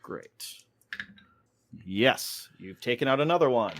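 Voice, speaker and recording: A man's voice: mid-range voice, animated, takes it slowly. A man chatting casually as a player in a tabletop game.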